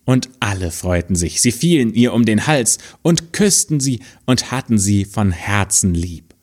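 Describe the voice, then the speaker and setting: A man reading an old fairy tale aloud in a low voice that rises and falls with lively expression. He takes his time, pacing every phrase slowly for the listener. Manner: slow, expressive storytelling. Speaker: storyteller.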